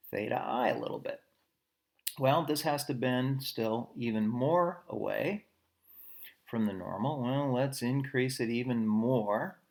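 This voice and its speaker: A man teaching a physics lesson while drawing diagrams, talking conversationally, often saying "okay" and quickly correcting himself. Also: medium pitch.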